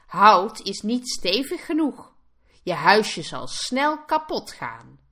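A woman's voice: mid-range voice, big pitch swings, slow, pushed and bright, heavily acted. A woman doing a sensible eldest pig. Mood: warning. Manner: firm, warning.

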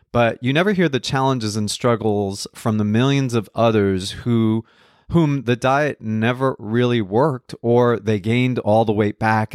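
A middle-aged Colombian man, a nutrition counselor, chats casually on a podcast with a wry, lightly joking tone. His medium-pitched voice is clear and resonant, captured in a dry, clean studio recording.

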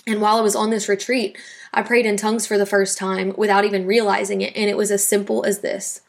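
A young woman from South Louisiana hosts a podcast and shares her personal faith testimony, telling it in an earnest, reflective way with quoted dialogue. She talks fast in a gravelly, medium-pitched voice with flat delivery.

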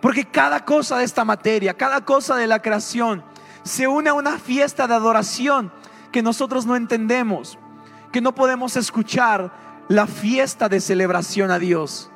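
High-voiced preacher. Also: male voice, moderate pace, gravelly, long reverb tail, faint music behind. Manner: animated, asks the congregation questions. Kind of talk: sermon.

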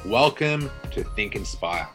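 A man giving a scripted, motivational podcast intro as host, repeating his pitch line by line. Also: expressive, takes it slowly. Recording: faint music behind voice.

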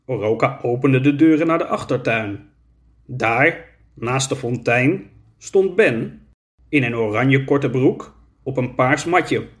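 A man narrating a children's story in a measured, clear storytelling manner. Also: medium pitch, lively intonation.

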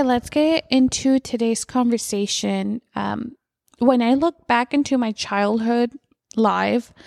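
A woman's voice: fairly high pitch, gravelly, no room sound, clean studio sound. A woman in her thirties hosting a podcast from her house, chatting casually in a rambling way with lots of "like.". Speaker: podcast host. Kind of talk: casual chat. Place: inside her house at night.

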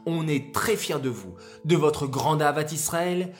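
A man's voice: fairly high pitch, animated, unhurried, faint music behind. A man reading dedications and birthday wishes at the end of a children's story.

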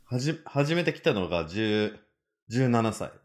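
A young British man, a native English speaker, joins a podcast as the guest. He talks in a playful, lively way, his pitch leaping up and down. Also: a little slow. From Britain. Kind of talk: casual chat.

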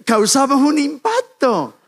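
High-voiced man preaching with jokes. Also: wildly swooping pitch, slow pace. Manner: jokey, chatty, addresses congregation directly. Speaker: church speaker. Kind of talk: humorous sermon. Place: church sanctuary.

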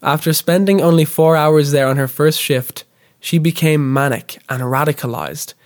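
Man, podcast host, deadpan comic narration, slightly high voice. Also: moderate pace. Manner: deadpan, mock-grandiose.

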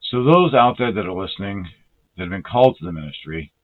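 A man preaching a sermon in an earnest, measured way, slowing down to stress key words. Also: lowish voice, very animated. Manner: earnest, measured, with slow deliberate emphasis; self-described dry sense of humor. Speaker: lay preacher. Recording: tinny phone-like audio.

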